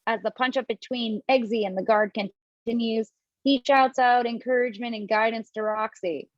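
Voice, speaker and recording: Reading stage directions aloud from home, a woman comes through a dull, low-fi mic on a video-call table read where she also voices a role. Her fairly high voice sounds close and dry with no room sound, and she keeps a fairly even intonation while moving briskly through the script.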